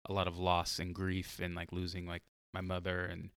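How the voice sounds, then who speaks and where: Deep, smooth-voiced podcast host. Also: male voice, completely flat delivery, normal speed, fairly bright tone, no room sound, clean studio sound. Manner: reflective, rambling questions full of "like". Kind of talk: casual podcast interview.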